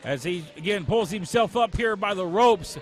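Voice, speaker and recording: A man's voice: sits high, moderate pace. A man working as a wrestling commentator, calling the action in dramatic exclamations and rhetorical questions. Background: crowd at a wrestling event.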